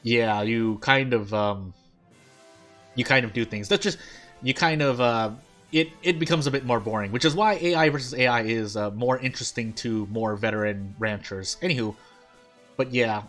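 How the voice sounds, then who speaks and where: A man gives casual game commentary at a middling pitch while music plays behind him. He thinks out loud in a loose, wandering way. His overbite shows in his articulation, with his teeth catching his lip on some syllables. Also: normal speed. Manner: rambling, thinking aloud. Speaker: gaming streamer.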